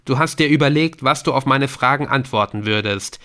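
A man's voice: mid-range voice, fairly quick, sharp tone, pitched above the performer's own voice, close to an everyday voice. A man voicing a bitter grieving son. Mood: pressing. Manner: accusing, raw and pleading.

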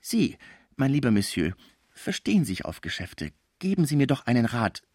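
A man's voice: mid-range voice, big pitch swings, moderate pace, a little mellow, slightly rough, no echo, clean studio sound. A man voicing a scheming middle-aged concierge woman who nurses the sick, overwrought and indignant as she protests her honesty.

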